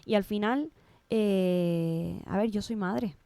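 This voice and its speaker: Warm, dark-voiced Spanish-speaking woman. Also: medium pitch, takes it slowly, gravelly, no echo. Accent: Canary Islands Spanish. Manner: emotional, restarts and repeats words, quotes her own thoughts. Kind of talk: casual interview conversation.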